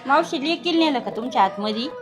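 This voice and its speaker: Woman doing a nosy lady at the clinic, kinda high voice, consoling, music clearly behind. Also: expressive, quick pace. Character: chatty woman waiting at the clinic. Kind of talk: comedy skit acting.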